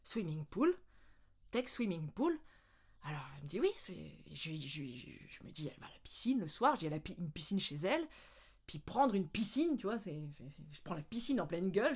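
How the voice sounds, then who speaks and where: A French woman vlogging, telling anecdotes in a casual, animated way with lots of laughter. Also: lowish voice, fairly quick, slightly rough. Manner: animated, laughing, with playful English mimicry. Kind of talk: casual storytelling.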